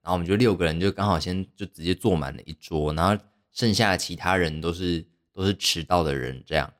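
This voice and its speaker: In a fast, low voice, a young man hosting a podcast tells a story without much structure. He pokes fun at himself and uses many fillers as he rambles.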